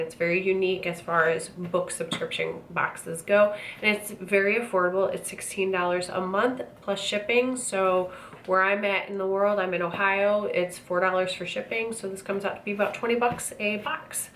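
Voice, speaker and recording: An American woman with a wheezy, congested, out-of-breath voice chats casually as she hosts an unboxing review. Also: medium pitch. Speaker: host of an unboxing channel. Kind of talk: casual chat, product review. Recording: roomy echo, clear background noise.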